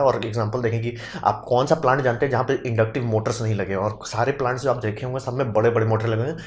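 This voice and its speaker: A man giving a casual, chatty science lesson, playful and full of homely comparisons. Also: mid-range voice. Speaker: science educator.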